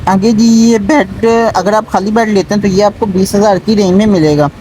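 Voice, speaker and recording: A man hosting a showroom sales video, delivering a repetitive pitch that keeps stressing low prices. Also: fairly even intonation, moderate pace, mellow, slight background noise, poor audio. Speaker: YouTube channel host.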